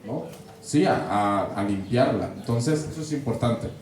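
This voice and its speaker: Mexican man as a catechism course teacher, chatty lecturing style, mellow tone, far off in a very echoey hall. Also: medium pitch, lively intonation, measured pace. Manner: conversational, checks in with frequent questions. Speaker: catechist trainer. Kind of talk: lecture to a class. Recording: very echoey room, voice far from mic.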